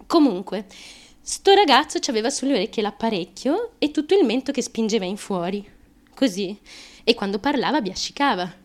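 Nervously amused, an actress with a fairly high, animated yet natural voice voices a troubled young woman in an intimate radio theatre monologue. The piece is confessional and crude, halting and jittery, with abrupt mood shifts.

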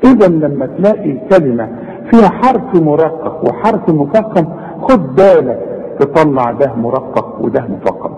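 A man with an Egyptian accent giving an informal recitation lesson, quizzing the listener and drawing out example words slowly. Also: fairly high pitch, expressive, warm tone, in a large hall, a little hiss or hum, low-quality recording. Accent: Egyptian Arabic. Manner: coaching the listener with questions and slow drawn-out recited examples. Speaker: Quran recitation teacher.

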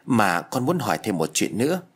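Tearful young woman, pleading, read by a male narrator, husky voice. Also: fairly low pitch, big pitch swings, brisk.

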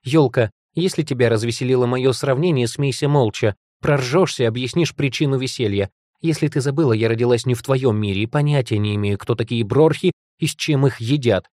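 A man voicing a young female heroine of an audiobook, a sharp-tongued guardian giving insistent orders. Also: mid-range voice, brisk, dry recording, clean studio sound, lightly acted. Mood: scolding. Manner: raised, insistent, commanding.

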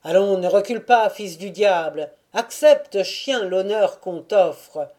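A woman reading an audiobook and voicing a crowd of rowdy, drunken male Cossacks with shouted, high-pitched cries. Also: animated, slow. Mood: rough urging. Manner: shouting, rough, cries of names.

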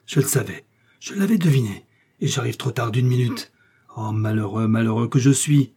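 This is a despairing nobleman lamenting in an audiobook, as a male narrator puts him on, loud and raised in pitch. The voice stays mellow and husky. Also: expressive, normal speed. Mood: anguished. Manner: anguished, lamenting. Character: distraught English lord, anguished.

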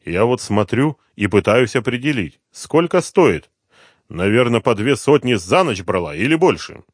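A man reading an audiobook, voicing a calm, unflappable man who speaks levelly and with dry irony. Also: medium pitch, normal speed, husky, no room sound, pitched above the performer's own voice. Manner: calm, level, dryly ironic. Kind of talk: audiobook character voice.

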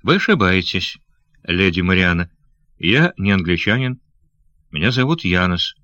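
A gallant male adventurer from an audiobook tale, voiced by a man in a lowish register, courteous and steady as he reassures. The recording sounds muffled and lo-fi, with dry, close audio. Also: normal speed, no echo, exaggerated voice. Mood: reassuring.

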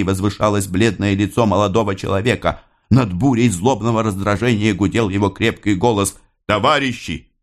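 A man narrating an audiobook with measured, dramatic storytelling. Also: lowish voice.

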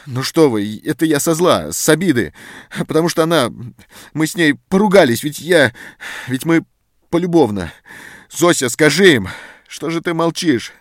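A man's voice: sits low, normal speed, no echo, clean studio sound. A man voicing a desperate young man under arrest who pleads in an agitated, strained way.

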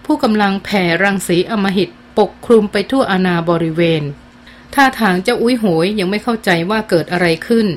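A woman narrating a novel in a measured, expressive storytelling manner. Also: mid-range voice, a little hiss or hum. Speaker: audiobook narrator. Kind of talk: scripted narration.

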